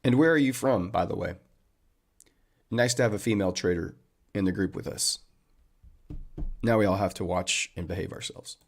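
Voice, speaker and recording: A deep-voiced man with a gravelly edge hosts a casual livestream from his desk mic. He talks to his viewers in a chatty, upbeat way and keeps calling them man and buddy. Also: normal speed, long pauses. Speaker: trading livestream host.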